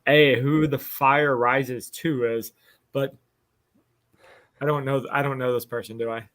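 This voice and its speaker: A man's voice: mid-range voice, steady tone, a little slow, fairly bright tone. A man joining a casual team meeting, playful and teasing. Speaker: team member.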